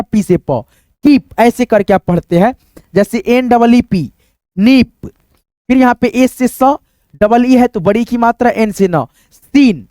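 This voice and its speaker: In a clean studio recording without echo, a man with a very high-pitched, mellow voice teaches English. His online phonics lesson has him spelling words letter by letter, asking questions, then repeating the replies. He repeatedly speaks to viewers as friends through tag questions.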